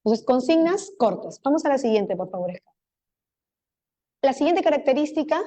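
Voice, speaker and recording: A woman's voice: fairly high pitch, dark tone. A woman giving a conference lecture to teachers. She keeps putting rhetorical questions to the audience and walks them through each step. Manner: talks teachers through steps. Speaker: lecturer on learning difficulties.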